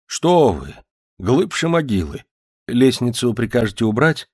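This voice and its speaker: A man's voice: mid-range voice, sing-song, unhurried, darkish tone, slightly rough. A man voicing an eager, simple-spoken yard keeper who talks in a folksy, deferential way in an audiobook.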